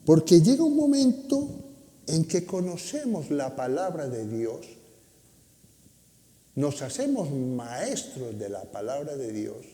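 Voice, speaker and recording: A man's voice: on the high side, big pitch swings, slow, dark tone. A man preaching a sermon as pastor, emphatic and often asking the congregation questions. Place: church hall. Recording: echoey hall.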